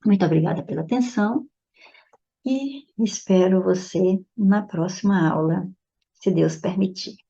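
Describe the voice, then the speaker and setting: Patient woman teacher with a gravelly voice. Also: medium pitch, measured pace, mellow, highs cut off. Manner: explains patiently, often checks in with "certo?" and "tá?". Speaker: Portuguese grammar teacher. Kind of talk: recorded lesson solving exam questions.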